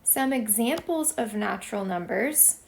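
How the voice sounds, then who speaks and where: A woman's voice: on the high side, animated, a little slow, vocal fry, slight background noise. A woman teacher from Texas explaining a lesson patiently, step by step, as a voice-over for a whiteboard video. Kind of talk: slow explanatory lesson narration.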